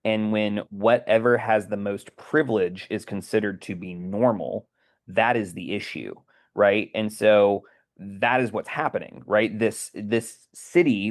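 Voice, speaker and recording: Earnest male podcast host, low voice. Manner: earnest, keeps checking with "right?". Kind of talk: casual discussion.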